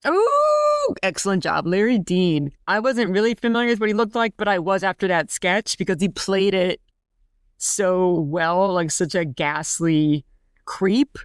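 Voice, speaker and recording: A woman's voice: lowish voice, a little slow, clear, resonant tone, no echo, clean studio sound. A woman in her forties, a podcast co-host chatting casually, gushing and rambling with many fillers. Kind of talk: casual chat.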